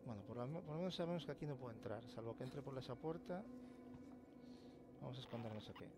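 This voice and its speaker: Muttering and swearing casually, a let's play host with a Castilian accent from Spain comments on a horror game over loud game ambience that never lets up. He speaks fast at medium pitch with lively intonation, and the audio is very noisy.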